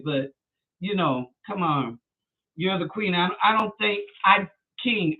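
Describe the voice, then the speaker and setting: Sassy chatty woman on a tinny line. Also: medium pitch. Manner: chatty and sassy, addresses the audience as y'all. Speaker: psychic reader hosting a live stream. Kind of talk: casual live-stream chat. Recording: tinny phone-like sound.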